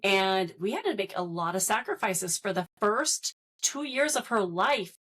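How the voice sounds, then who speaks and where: A woman's voice: medium pitch, big pitch swings, a little slow, fairly bright tone. A woman hosting a casual roundtable conversation, chatty and laughing easily. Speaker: host.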